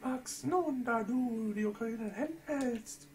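A man voicing a young princess in a strained, comic falsetto. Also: measured pace, darkish tone, a little hiss or hum. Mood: mock solemn. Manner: strained, throat-clearing falsetto.

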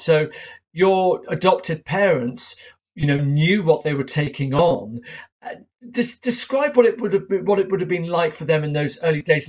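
A man in his fifties hosting an interview over a video call from a small home room, asking measured questions with frequent fillers. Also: a little high. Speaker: interview host. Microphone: webcam on a video call.

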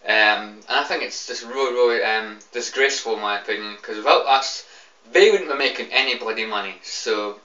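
A man's voice: on the low side, a little fast, sharp tone. A young British man, tipsy and annoyed, giving a rambling, repetitive, sweary off-the-cuff rant to a camera. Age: young adult. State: tipsy, drunk. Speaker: video game fan giving opinions. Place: small room indoors. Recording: roomy, distant, slightly dull webcam sound.

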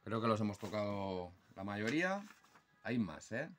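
A man's voice: lowish voice, big pitch swings, fairly bright tone, slight background noise. A man with a Spanish accent teaching the rules for judging songbird calls, imitating the calls aloud. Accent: Spanish (Spain). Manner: slow, deliberate, imitates bird calls aloud. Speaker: birdsong judging instructor. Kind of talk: explanatory lesson.

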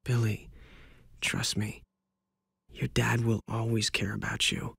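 An actor voicing a wisecracking teenage male superhero in a cartoon, quick joking banter full of sarcastic quips. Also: on the low side, flat delivery, gravelly, a bit bright, slightly rough, no echo, full character voice.

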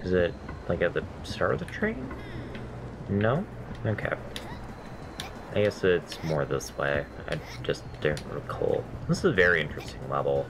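Over background noise, a gameplay commentator with a low-pitched, nasal voice speaks at a measured pace with big pitch swings. In casual let's-play chat he rambles between stories and swears at his mistakes and deaths, often putting himself down.

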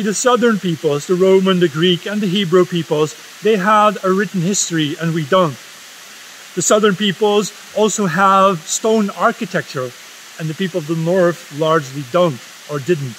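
This is a high, fairly bright male voice belonging to a native Dutch speaker from the Netherlands, a man in his fifties. He hosts a video essay, speaking earnestly to camera outdoors in a forest with solemn passion. The rough recording carries a little hiss or hum.

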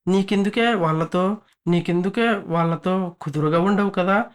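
A woman's voice: on the low side, moderate pace, close to an everyday voice. A narrator voicing a middle-aged mother who scolds her daughter in an audio story. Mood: scolding.

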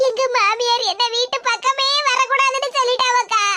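A wailing, heartbroken young wife. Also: female voice, very high voice, steady tone, fairly quick, sharp tone. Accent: Tirunelveli Tamil. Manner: wailing, sobbing. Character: crying young wife thrown out by her in-laws. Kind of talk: cartoon voice acting. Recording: noisy lo-fi recording.

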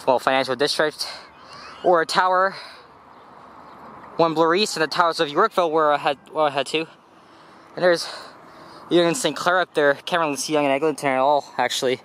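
A man's voice: a little high, brisk, long pauses, a bit bright. A man hosting a walking vlog, chatting to himself and his viewers while he climbs, a bit out of breath, recorded outdoors in a city park. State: winded from climbing. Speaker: vlog host. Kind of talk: casual walking commentary. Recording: outdoor street noise, traffic behind.

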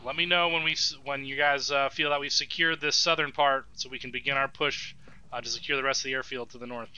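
Very bright, clear male squad commander. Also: medium pitch, steady tone, fast. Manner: profane, commanding. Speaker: commander in an online military simulation game. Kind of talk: gaming radio callouts and casual squad chat. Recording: slightly muffled gaming voice chat.

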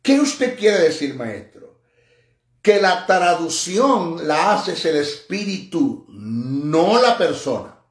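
A man's voice: sing-song, slow, reverberant. Emphatic Spanish-speaking preacher man. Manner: emphatic, mocking, swings between low asides and high exclamations. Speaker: pastor. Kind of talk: sermon teaching.

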